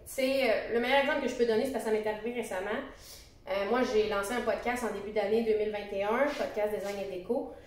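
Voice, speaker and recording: A woman's voice: mid-range voice, fairly even intonation, quick pace. Chatty Québécois woman in a very echoey room. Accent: Québécois French. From Quebec, Canada. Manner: chatty, colloquial. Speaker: interior designer and podcaster, interview guest. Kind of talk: casual interview chat. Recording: very echoey room, faint background noise.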